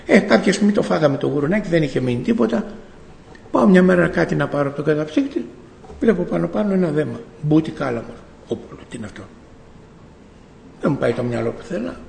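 A middle-aged man tells his faith testimony to a congregation in a gravelly, slightly high voice. He tells it like a story, acting out the dialogue and often correcting himself as he goes. The sound rings through a church hall with a long reverb. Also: big pitch swings, a little mellow, slight background noise. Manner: storytelling, acts out dialogue, frequent self-corrections. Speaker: church member giving testimony.

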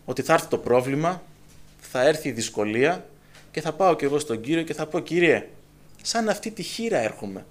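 A man's voice: fairly high pitch, sing-song. Fiery, dramatic Greek-speaking preacher man. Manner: dramatic, swings from hushed to loud and emphatic; acts out dialogue in quoted voices. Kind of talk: sermon.

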